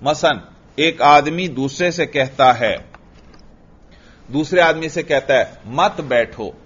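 A man teaching Arabic grammar in to a class, slowly repeating phrases and quizzing his students. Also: on the high side, a bit bright, breathy edge, muffled recording. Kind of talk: classroom lesson.

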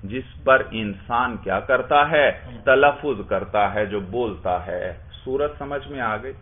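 A man teaching a class, explaining step by step and asking his students questions that he then answers himself. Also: mid-range voice. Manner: explains with repeated questions and answers, often adds "bhai". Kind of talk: classroom lecture. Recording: tinny phone-like sound.

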